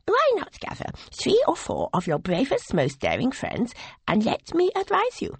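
A man voicing a small, scheming skull god who flatters and tempts, in a high, breathy, creaky voice. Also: normal speed, no echo, exaggerated voice. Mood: wheedling. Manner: wheedling, tempting.

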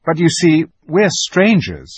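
A man's voice: fairly high pitch, huge pitch swings, slow pace, husky, no echo, highs cut off, voice pushed up, exaggerated voice. Peter, a bold take-charge boy, read by a man. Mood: firm. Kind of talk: storybook reading.

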